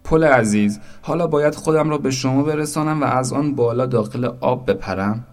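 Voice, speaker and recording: A man voicing a small, naive wooden boat in a storybook, full of excited, eager questions. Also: mid-range voice, voice pushed up, natural voice. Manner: excited, breathless questions, shouting. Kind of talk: storybook narration.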